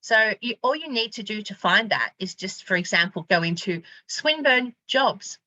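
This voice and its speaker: A woman lecturer talks a class through job hunting in a bright, forward voice, loose and chatty with plenty of ums and restarts. The sound is dry and a little dull, like a home video call. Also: mid-range voice, lively intonation, normal speed, dry recording. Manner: chatty, informal, many fillers and restarts. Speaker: university lecturer teaching a class.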